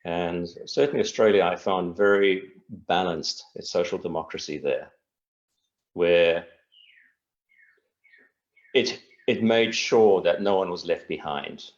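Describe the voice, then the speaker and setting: A man's voice: sits low, slow, long pauses, lo-fi sound. A middle-aged man from Tanzania, a guest speaking in an earnest, reflective and meandering way in a casual interview over a video call.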